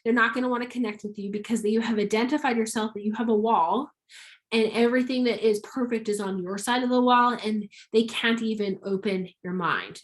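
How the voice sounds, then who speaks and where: A woman giving a casual motivational business talk to camera, emphatic, often checking in with "okay?" and acting out sample messages. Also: fairly high pitch. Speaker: network marketing coach.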